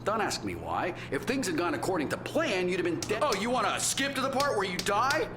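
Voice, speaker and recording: A man's voice: sits high, sing-song, fairly quick, reverberant, music in the background. An actor playing a vain, gloating showman villain in a video game, with theatrical menace and hammy delivery. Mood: mocking, grandiose.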